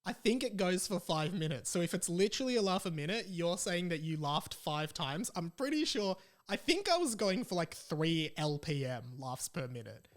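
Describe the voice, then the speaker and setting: Hosting a laid-back solo podcast, a young Australian man chats in a high voice that's very animated. He keeps a moderate pace with hardly any pauses, rambling along in a jokey way.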